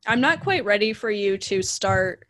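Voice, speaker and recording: A man's voice: high voice, expressive, a little slow, sharp tone. A man co-hosting a podcast, chatting about basketball in an easygoing way with short replies. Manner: easygoing, brief replies and laughs. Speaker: podcast co-host. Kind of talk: casual sports chat.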